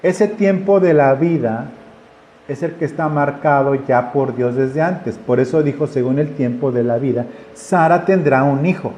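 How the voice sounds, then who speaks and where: A man's voice: mid-range voice, a little slow, a little mellow, slight background noise. A man preaching a conversational sermon, acting out the voices in his stories. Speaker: pastor. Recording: echoey room with faint ambience.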